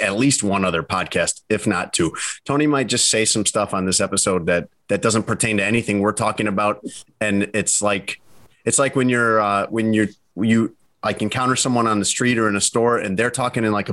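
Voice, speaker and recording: A man's voice: on the low side, fairly even intonation, moderate pace, a bit bright. A man hosting a casual sports podcast, rambling and restarting his sentences, tired from early mornings, with dry jokes. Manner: rambling, self-interrupting, dry joking. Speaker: podcast host.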